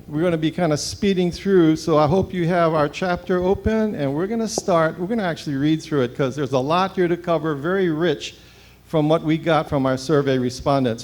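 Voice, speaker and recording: A man in his seventies from Hawaii, presenting at a conference and reading his paper aloud in a brisk, formal way. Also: on the high side, a little mellow. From Hawaii, United States. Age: 70s. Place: seminary conference hall.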